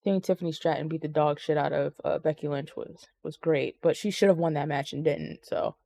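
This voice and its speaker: A woman's voice: low voice, fairly even intonation, a little fast, creaky, dark tone, no echo. A woman co-hosting a podcast, chatting casually about wrestling with lots of ums and swearing. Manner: rambling, profane, frequent ums. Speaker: podcast co-host.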